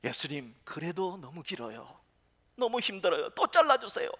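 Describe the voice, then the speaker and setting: A man's voice: on the high side, big pitch swings, moderate pace, bright, forceful tone, slightly rough, heavily acted. A man acting out a tired believer who begs to have their heavy cross cut shorter, in a pleading, whining voice. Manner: pleading, whining, self-reproaching. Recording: reverberant church sanctuary.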